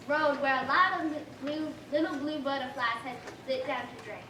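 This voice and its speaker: High-voiced woman telling a Southern folktale. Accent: traditional Southern American. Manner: unhurried folksy narration. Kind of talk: folktale storytelling performance. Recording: echoey room, far mic, noise.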